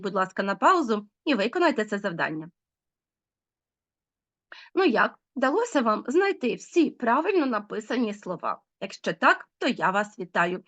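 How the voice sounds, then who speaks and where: Lively-voiced woman teacher explaining. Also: medium pitch. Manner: patient, explaining, asks pupils questions. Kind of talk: online language lesson for children.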